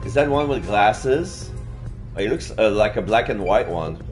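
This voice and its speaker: A man's voice: lowish voice, lively intonation, normal speed. A man playing a video game, commenting casually and playfully and reading the on-screen text aloud. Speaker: let's play streamer. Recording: background music under the voice.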